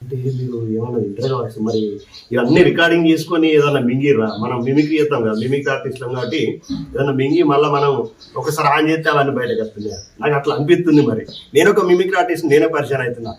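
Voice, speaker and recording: A man's voice: mid-range voice, very fast, reverberant, distant mic, a crowd in the background, poor audio. A man, interviewing in casual chat and speaking to the viewers. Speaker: interviewer and mimicry artist.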